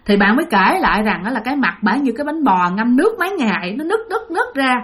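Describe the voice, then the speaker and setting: A woman's voice: fairly high pitch, very animated, quick pace, fairly bright tone. A woman telling a ghost story dramatically, speaking directly to her listeners. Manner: dramatic, addresses listeners directly, many exclamations.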